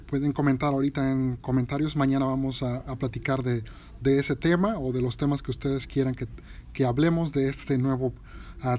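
A man hosting a phone repair channel, chatting informally to his viewers with halting pauses and fillers. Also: mid-range voice, a little mellow, a little hiss or hum. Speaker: tech repair channel host. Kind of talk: casual chat to viewers.

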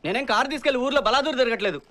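A man's voice: very high-pitched, rapid-fire, pushed and bright. A man playing a cheeky, defiant grown son in comic film dialogue.

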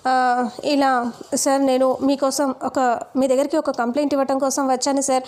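A woman's voice: sits high, level tone, normal speed, darkish tone, natural voice. A woman voicing a young woman who boldly protests against injustice in an earnest manner. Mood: protesting.

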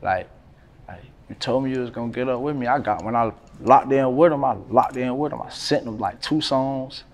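A man, talking casually in an interview, relaxed and slangy with lots of fillers. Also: mid-range voice, moderate pace. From North Carolina, USA. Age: 20s. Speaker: rapper, interview guest. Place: indoors by a brick wall.

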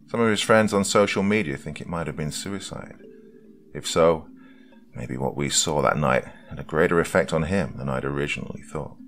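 A man with an extremely deep, gravelly voice reads a first-person horror story aloud. His delivery is slow and hushed, close to the mic, with faint music playing underneath. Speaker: narrator. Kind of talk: scripted horror story narration.

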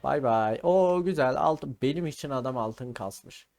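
A man's voice: medium pitch, animated, unhurried, creaky, darkish tone, faint music behind. A man giving casual gaming commentary, teasing and trash-talking his opponents playfully as he plays. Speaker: gaming video creator.

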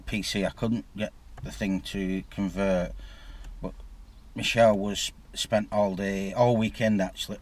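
Holding the camera at arm's length, a middle-aged Scottish man from the north east films himself chatting about his day, moving between his living room and a parked car outside. It's a rambling, chatty vlog, and his voice sits low.

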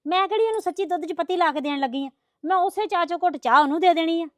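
A woman playing a meek young daughter-in-law who talks softly to calm her mother-in-law. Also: very high-pitched, quick pace, dry recording, clean studio sound. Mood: soothing. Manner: soft, placating.

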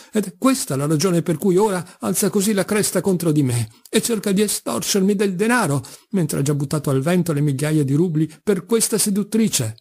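A man's voice: on the high side, creaky, a little mellow, breathy edge. A man reading an audiobook, voicing an older scheming, buffoonish father who whines and plays the wounded victim. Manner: theatrical, whining, mock-pleading. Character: old buffoonish scheming father, shrill and wheedling.

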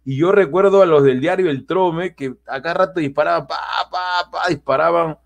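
A man tells a story in casual conversation. His voice sits a bit high, and he acts out the quotes with lively energy, often restarting his sentences. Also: normal speed, vocal fry. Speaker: guest.

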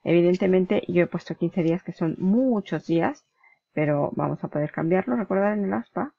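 Woman, gravelly fry, chatty tutorial walkthrough, dull lo-fi dry sound. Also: on the low side, moderate pace, dry recording. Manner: chatty, explains step by step, mimics clicks and flips aloud. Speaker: tutorial host. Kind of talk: screen-recorded software tutorial.

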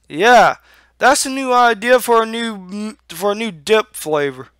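A young man giving a casual, halting review to camera on a headset mic, talking with a lip full of dip. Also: sits high, animated, a bit bright, clear, resonant tone, no echo, studio quality. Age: young adult. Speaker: amateur product reviewer. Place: small room at home. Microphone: headset microphone.

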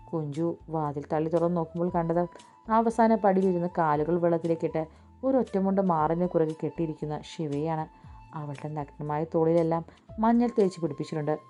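Warm low woman narrating a story. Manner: steady, storytelling. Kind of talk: audiobook story reading.

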